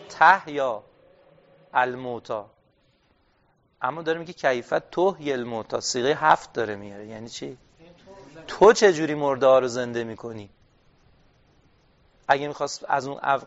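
Guy teaching a scripture class, kinda high voice, reads the arabic then breaks it down, muffled lo-fi sound. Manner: explains step by step, reads Arabic text aloud and rephrases it; asks the class questions and answers them himself. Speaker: religious studies teacher. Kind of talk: classroom lecture on Quranic exegesis. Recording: dull lo-fi recording.

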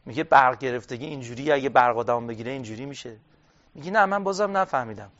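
A man with a fairly high voice giving a religious studies lecture on a dull, lo-fi recording. He reads Arabic text aloud, then rephrases it plainly. He asks his listeners questions and answers them himself. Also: fairly bright tone. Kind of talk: classroom lecture on Quranic exegesis.

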